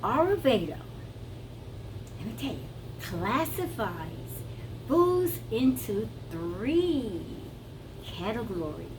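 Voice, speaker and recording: A wellness vlogger with a Brazilian accent addresses her viewers in a casual, emphatic teaching style, repeating words for stress. Her fairly high voice is sing-song, slow and broken by long pauses. Noticeable background noise runs through the recording.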